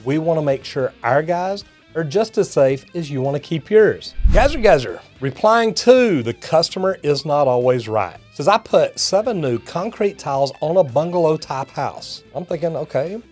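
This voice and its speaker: This master plumber and video host from Texas is middle-aged or older, reading viewer comments and answering them folksily while addressing "y'all" and "guys." He speaks at a moderate pace in an expressive, somewhat high, darkish voice over soft background music.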